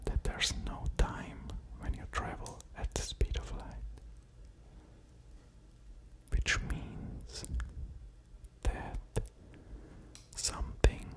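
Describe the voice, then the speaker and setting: A man in his thirties giving a whispered ASMR lecture, slow and deliberate, very close to studio microphones at the ear. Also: rough recording. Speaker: ASMR creator explaining physics. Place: small quiet room at home, indoors. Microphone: pair of studio condenser microphones with pop filters, very close.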